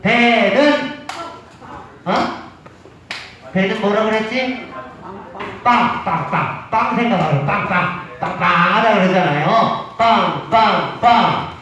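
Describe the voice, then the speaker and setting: A high-pitched man leads seniors through a clapping game and chants each beat slowly and steadily. He sounds far from the mic, and the room echoes heavily around him with a faint hiss underneath. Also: a bit bright. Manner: rhythmic chanting of sound words, coaxing elders. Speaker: senior recreation instructor. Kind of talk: leading a clapping game class.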